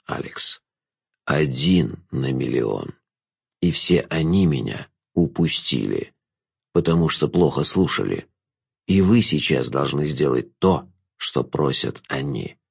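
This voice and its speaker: A man doing a sly, low-voiced jester villain. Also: expressive, slow pace, gravelly, breathy edge, no room sound, studio quality, full character voice. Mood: sly, mocking. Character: scheming sly male jester villain, mocking.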